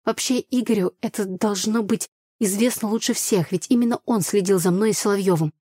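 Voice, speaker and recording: A woman narrating a first-person audiobook story with an even, storytelling delivery. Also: medium pitch, a little fast, no echo, clean studio sound.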